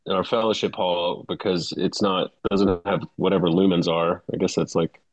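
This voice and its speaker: A man's voice: sits low, little pitch movement, moderate pace, low-quality recording. A man co-hosting a podcast, chatting casually in a rambling, jokey way and often repeating his phrases. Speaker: podcast co-host and Anglican pastor. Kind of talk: casual chat.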